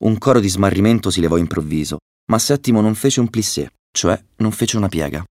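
Deep-voiced man reading a children's story. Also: lively intonation, a little fast, a little mellow, dry recording, clean studio sound. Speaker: narrator.

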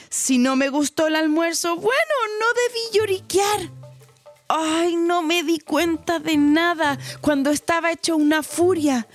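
A woman voicing a young male dinosaur who throws tantrums, talking in a shrill, whiny way and often shouting.

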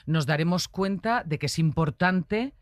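A woman's voice: fairly low pitch, unhurried, no room sound, clean studio sound. A woman, a guest telling stories with assurance and playful energy. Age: 40s. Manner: assured storyteller, animated and playful. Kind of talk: casual chat.

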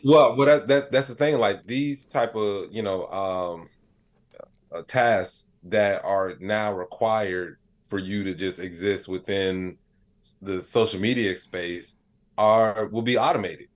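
Slow and lowish in voice, this man, an AI expert and comedian, rambles casually as a podcast guest. He uses plenty of slang and keeps dropping "you know what I'm saying."

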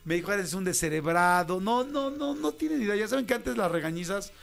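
A Mexican man in his fifties, a radio host, recounts his first job in a slangy, casual story, acting out its voices with Mexican Spanish flair. His voice is very high-pitched, animated, fast and creaky.

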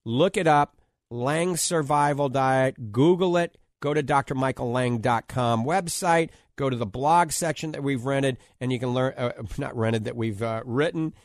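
A man with a New Orleans accent giving an informal, radio-style health talk and product pitch, emphatic and repetitive as he lists his points. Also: measured pace, no room sound, studio quality. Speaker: health show host promoting diet and supplements.

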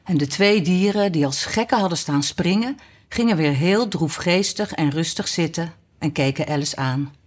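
A woman reading a storybook aloud in calm, clear narration. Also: lowish voice, normal speed.

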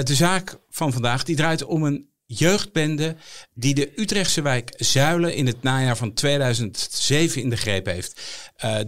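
A man hosting a talk podcast, with a voice of ordinary pitch. He asks direct questions and firmly steers the conversation back on track. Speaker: podcast host. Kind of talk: podcast interview.

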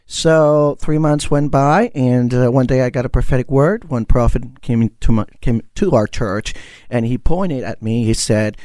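A man's voice: mid-range voice, measured pace, darkish tone, dry recording. Male guest pastor from Costa Rica, earnest storyteller, dry studio sound. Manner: earnest, storytelling, many fillers. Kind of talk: radio interview testimony.

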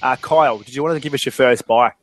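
A man's voice: medium pitch, fast talker. Laid-back man hosting a podcast. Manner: laid-back, laughs often, many fillers. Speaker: podcast host. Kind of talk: casual sports podcast chat.

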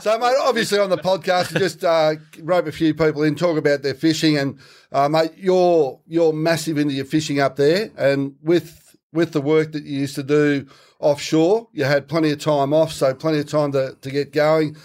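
A man's voice: fairly high pitch, fairly even intonation, moderate pace, darkish tone. An Australian man co-hosting a fishing podcast, chatting casually and telling jokes and stories. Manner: joking, storytelling, teasing. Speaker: podcast co-host. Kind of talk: casual chat.

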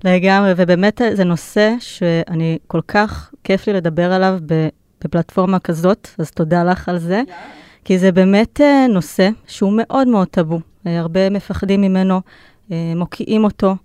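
Smooth-voiced woman guest explaining eagerly. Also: lowish voice, a little mellow, no room sound. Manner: enthusiastic, explanatory, many fillers. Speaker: guest, sexuality educator. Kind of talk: casual podcast interview. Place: studio.

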